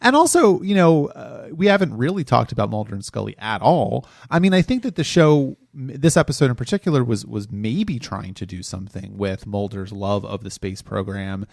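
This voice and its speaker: Animated male podcast co-host, dry sound. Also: mid-range voice, normal speed, gravelly, hardly any pauses, dry recording. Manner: animated, repeats words when restarting. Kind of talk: casual critical chat.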